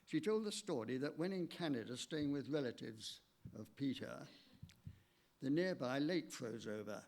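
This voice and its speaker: An older man, giving a measured, halting eulogy for his late wife in a church, read from notes with small stumbles. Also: medium pitch, animated, creaky, a little mellow.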